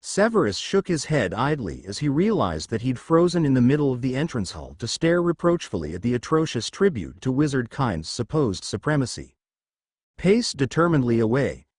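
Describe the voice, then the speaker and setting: A man narrating a story aloud in an expressive reading voice, with his pitch rising and falling a great deal. His voice sits in a middle register. The recording is dry and close, with no room sound. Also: dry recording.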